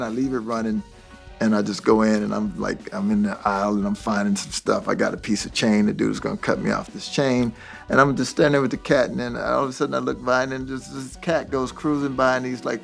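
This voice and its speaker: A man, a musician guest, telling stories in a casual, animated way, laughing often and acting out the voices of people he quotes. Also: mid-range voice, a little fast, gravelly, faint music behind. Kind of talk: casual anecdotal storytelling.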